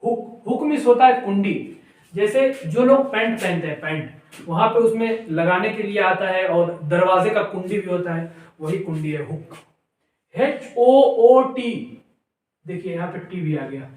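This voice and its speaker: Echoey man teaching phonics. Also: high-pitched. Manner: spells words out slowly, letter by letter, louder; asks viewers questions, then answers them. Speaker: English teacher. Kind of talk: phonics lesson to viewers. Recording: very echoey room, voice from a distance.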